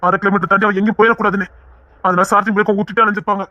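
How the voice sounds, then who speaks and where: In a dramatic audio story reading, the narrator performs the family's men in an urgent, questioning, rough colloquial manner. The medium-pitched delivery is flat yet racing, pushed and bright, captured in a dry, dull-sounding recording.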